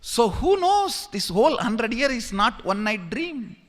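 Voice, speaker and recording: A male spiritual teacher delivers a discourse at an unhurried, deliberate pace, and his pitch swings widely as he stresses points. He keeps urging the audience to listen and asks them questions. His voice carries a long reverb, as if spoken in a large hall. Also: very animated, fairly bright tone.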